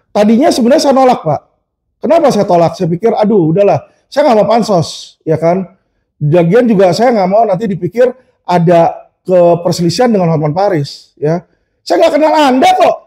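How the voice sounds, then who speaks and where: A man's voice: high voice, mellow. A middle-aged man, a lawyer, delivering a combative, scolding rant straight to camera and firing rhetorical questions at a rival.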